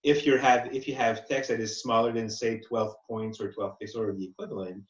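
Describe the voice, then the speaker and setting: Here a man of medium pitch talks briskly and evenly while explaining things during an informal webinar Q&A on accessibility, which he is presenting. He thinks aloud and rephrases often; the recording is muffled and band-limited.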